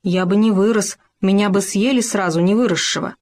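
A woman's voice: mid-range voice, fairly quick, a little mellow, lightly acted. A timid, shrewd ground squirrel, read by a woman. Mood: earnest.

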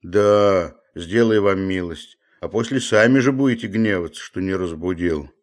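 A man's voice: sits low, normal speed, natural voice. A man voicing a stubborn old male manservant who coaxes and scolds with a drawling, muttering manner. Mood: coaxing, scolding.

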